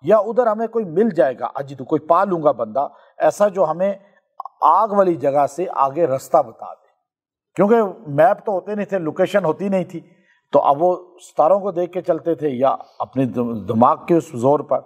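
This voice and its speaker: High-voiced male preacher telling a story. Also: expressive, breathy edge. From Pakistan. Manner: storytelling, asks listeners questions, slows down for recited scripture. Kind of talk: sermon.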